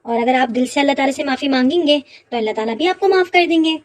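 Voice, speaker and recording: A woman playing a gentle, pious mother who patiently teaches her son. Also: high voice, fast, no echo, natural voice. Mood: gently teaching. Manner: patient, warmly instructive. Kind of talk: children's moral short film acting.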